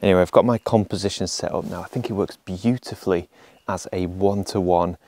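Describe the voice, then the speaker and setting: A man in his thirties, a landscape photographer, calmly explaining his film-camera shoot outdoors in a forest, picked up by a camera mic a few meters away. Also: low-pitched, fairly quick, vocal fry, slight background noise. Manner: calm, explanatory, counts a long exposure in a whisper. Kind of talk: on-location vlog narration. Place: outdoors in an autumn beech forest.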